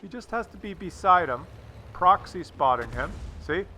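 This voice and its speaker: Hosting a gameplay commentary video, a man casually narrates game replays in a bright, forceful, slightly high voice. He's expressive and speaks at a moderate pace, cracking crude jokes and repeating his phrases often, while game vehicle noise comes through clearly behind him.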